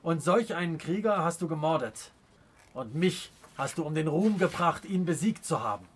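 A man's voice: a little high, animated, slightly rough. A man voicing a proud, stern Native chief in an audiobook, speaking in a scornful, commanding way. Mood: angry. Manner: scornful, commanding, slow and weighty. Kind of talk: audiobook character reading.

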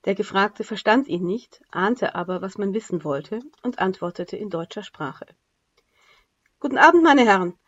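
A woman reading an adventure novel aloud as an audiobook narrator, in an even storytelling manner. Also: medium pitch, normal speed, few pauses. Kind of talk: scripted narration. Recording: dull lo-fi recording.

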